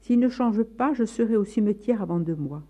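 A reader voicing a grieving, desperate father in a read-aloud story, in a very dark, mellow voice on a dull recording. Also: medium pitch, animated, normal speed, faint music behind, voice pushed up. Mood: anguished. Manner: pleading, anguished.

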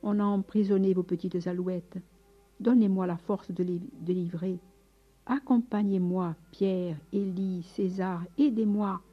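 A woman's voice: medium pitch, steady tone, measured pace, soft background music, close to an everyday voice. A woman reading a fervent, frail old saint. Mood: anguished. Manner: fervent, exclaiming. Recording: dull lo-fi audiobook recording.

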